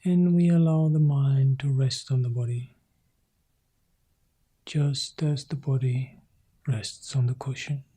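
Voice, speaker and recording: A meditation teacher guides a practice, speaking calmly in short, sparse phrases separated by long pauses. His mid-range voice is soft, husky and breathy.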